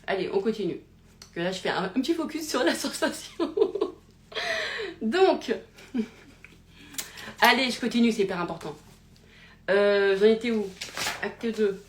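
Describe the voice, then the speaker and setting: A woman hosting a live talk, theatrical and animated, swinging from loud exclamations to low mutters, laughing often and interrupting herself. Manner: laughs often, many fillers and self-interruptions. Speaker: host of a live self-help talk. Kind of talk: casual live-stream monologue.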